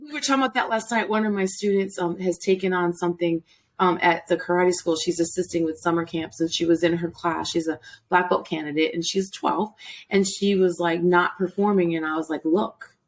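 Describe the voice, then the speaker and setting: A woman's voice: lowish voice, steady tone, brisk. Chatty woman host, casual interview. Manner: chatty, repeats phrases, laughs easily.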